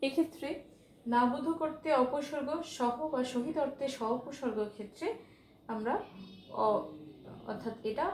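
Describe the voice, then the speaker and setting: Woman, teacher, pronunciation lesson, patient, repeats words slowly, slightly high voice, roomy echo. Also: a little mellow. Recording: echoey room with faint ambient noise.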